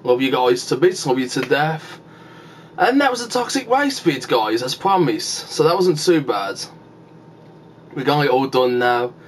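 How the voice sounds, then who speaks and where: A man's voice: medium pitch, big pitch swings, measured pace, slight background noise. A man vlogging casually with his mouth full of sour candy, talking to his viewers in a rambling way through a handheld camera. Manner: rambling and chatty, often addressing viewers as guys. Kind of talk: casual vlog chat.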